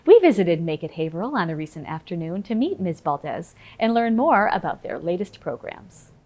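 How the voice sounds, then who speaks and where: A woman hosting a local news program, reading scripted narration in a clear announcing manner. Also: on the low side, very animated, moderate pace, a little mellow. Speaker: news host.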